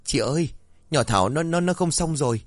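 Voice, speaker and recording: A vain young village woman with a sharp, mocking tongue, as a male storyteller puts her on. The voice is pitched up above his own low register and swings widely in tone. The sound is dry and close. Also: animated, moderate pace, no room sound, lightly acted. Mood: panicked.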